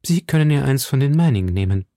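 A man voicing a gallant, poetic young musketeer who speaks in a measured, courtly way. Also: medium pitch, animated, mellow, no echo, clean studio sound, voice pushed up, lightly acted.

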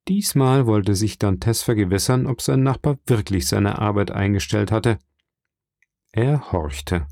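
A man reading a novel aloud in measured, even scripted narration. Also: fairly low pitch, vocal fry, no echo, clean studio sound. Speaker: audiobook narrator.

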